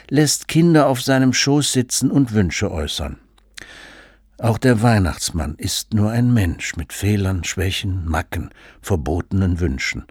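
A man with a fairly low voice reads his humorous book aloud in a mock-solemn, ironic tone. His pitch swings widely for effect, and the recording is dry and close. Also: a little mellow, no room sound.

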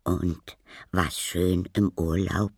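A man doing a slow, nosy old woman. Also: deep voice, flat delivery, breathy edge, no echo, clean studio sound, heavily acted. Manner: slow, drawn-out speech.

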